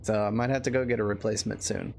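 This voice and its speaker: A man's voice: on the low side, fairly even intonation, fast talker, vocal fry, a little mellow, a little hiss or hum. A man chatting and bantering casually while streaming a game. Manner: joking, bantering. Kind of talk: casual gaming stream chat.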